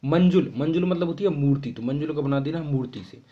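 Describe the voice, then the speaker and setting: A man's voice: a little high, fast talker. A young man explaining homework answers to children, reading out each question and then dictating the answer, with a constant "ठीक है" to check in. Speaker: teacher. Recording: dull lo-fi sound.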